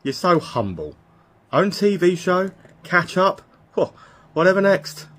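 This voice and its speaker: A man's voice: high voice, big pitch swings, unhurried, a bit bright, a little hiss or hum. Sarcastic man mocking a vlogger. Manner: sarcastic, dry mockery. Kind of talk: mocking voice-over in a clip.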